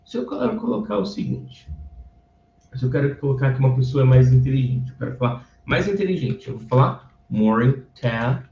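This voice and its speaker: A man's voice: mid-range voice, animated, fairly quick, vocal fry, a little mellow, a little hiss or hum. A man teaching English, patiently repeating words for practice. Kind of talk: bilingual teaching of English through Bible stories. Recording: dull, roomy recording from a distance.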